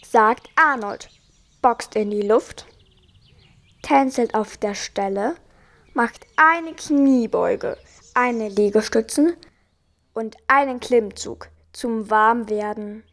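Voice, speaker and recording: Woman, storyteller, children's tale, slow, slightly high. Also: a bit bright.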